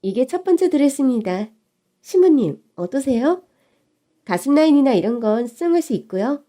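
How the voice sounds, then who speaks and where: Brief: perky high-pitched bridal shop clerk, eager to please, mellow tone, put on by a woman narrator. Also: big pitch swings, normal speed. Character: polite chirpy young female bridal shop clerk.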